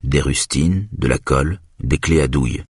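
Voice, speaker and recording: Narrateur à la voix très grave. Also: male voice, very deep voice, normal speed, darkish tone, slightly rough, no room sound, studio quality. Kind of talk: first-person audiobook narration.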